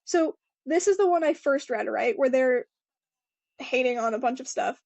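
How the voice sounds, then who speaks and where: A woman's voice: sits high, expressive, normal speed, vocal fry, darkish tone, dull audio. A young woman co-hosting a casual podcast chat, talking freely and laughing often as she reads out quotes. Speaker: podcast co-host. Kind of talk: casual chat about motor racing.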